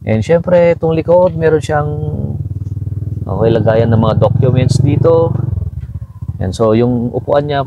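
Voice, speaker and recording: Relaxed man with gravelly voice. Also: medium pitch, lo-fi sound, a little hiss or hum. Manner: relaxed, repetitive pointing-out with frequent fillers. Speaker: car owner reviewing his vehicle. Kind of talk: casual walkaround tour narration. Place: inside a car.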